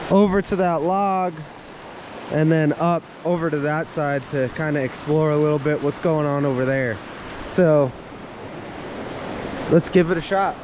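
A man's voice: on the high side, background noise. A man vlogging a hike with his dog, chatting casually and cheering the dog on, recorded outdoors by a creek. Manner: chatty, laid-back, talks to his dog. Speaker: hiking vlogger. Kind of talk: casual outdoor vlog narration. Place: outdoors by a rushing creek in pine woods. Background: rushing creek water.

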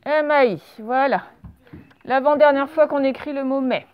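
A high-voiced woman teacher walks young pupils through a dictation lesson, patient and slow, sounding out each letter one at a time. The recording sounds a little dull and lo-fi. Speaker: primary school teacher. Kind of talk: remote spelling and dictation lesson. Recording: slightly dull, lo-fi home recording.

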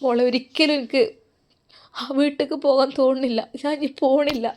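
A man's voice: very high-pitched, steady tone, fairly quick, a little mellow, a little hiss or hum. A woman voicing a grieving middle-aged father who talks in a choked, pleading way, with a Malappuram Malayalam accent. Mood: tearful.

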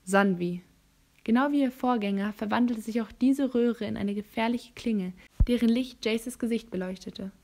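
A woman narrating an audiobook in a steady, measured reading voice. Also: fairly high pitch. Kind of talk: reading a novel aloud.

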